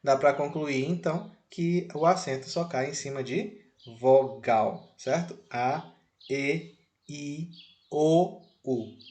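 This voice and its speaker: Brazilian male teacher, slow and deliberate, repeats key words, slide lesson delivery. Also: fairly high pitch, a little mellow. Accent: Brazilian Portuguese. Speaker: Spanish teacher.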